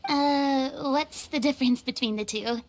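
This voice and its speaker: A woman's voice: high-pitched, measured pace. An actress voicing a timid, earnest young female companion in an anime-style video game, polite and hesitant. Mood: hesitant, uneasy. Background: prominent game music.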